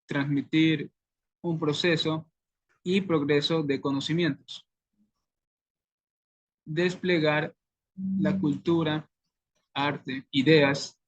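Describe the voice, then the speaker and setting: A man giving a class presentation, reading out definitions in a slow, measured way. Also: on the high side.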